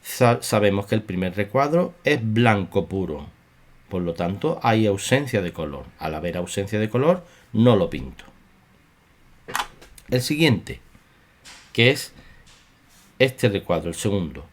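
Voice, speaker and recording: A man teaching a drawing lesson, talking slowly and repeating his instructions calmly. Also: lowish voice. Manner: slow, repetitive, soothing instruction. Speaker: art teacher. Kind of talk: drawing tutorial.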